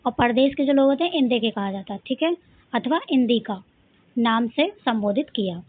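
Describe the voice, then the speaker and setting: High-voiced Rajasthani woman teaching over a phone-like line. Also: expressive, normal speed, breathy edge, no room sound. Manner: asks the class questions and answers them herself, repeats often. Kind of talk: exam-prep lesson. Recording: dry, phone-like audio.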